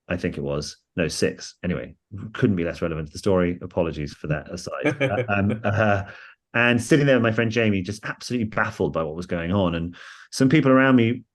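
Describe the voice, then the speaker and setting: A man with a posh English home counties accent, chatting in a rambling, self-deprecating, enthusiastic way as he tells stories in an interview. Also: sits low. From England, home counties. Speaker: interview guest, football club staff. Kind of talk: casual conversational storytelling.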